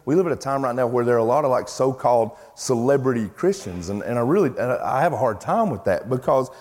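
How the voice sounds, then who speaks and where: A male pastor preaching a sermon in a conversational, animated storytelling way, sometimes putting on mock voices. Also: mid-range voice, fast talker, in a large hall. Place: church sanctuary.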